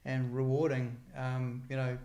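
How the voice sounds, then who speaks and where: Male interviewee, middle-aged, casual and halting, little pitch movement, echoey room recording. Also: completely flat delivery, dark tone. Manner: hesitant, halting delivery. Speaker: company sales engineer interviewee. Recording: roomy echo.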